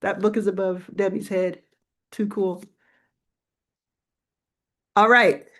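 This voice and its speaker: Speaking slowly in a medium-pitched, slightly bright voice with fairly even intonation, a woman hosts a casual livestream. She coaches on business, encouraging and chatty as she gives feedback and thinks aloud.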